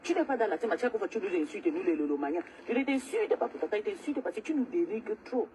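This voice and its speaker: A woman's voice: mid-range voice, big pitch swings, fast, a little hiss or hum, poor audio. A woman, ranting angrily and repetitively during a live stream. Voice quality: agitated, loud, repetitive ranting. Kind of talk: angry social media livestream rant.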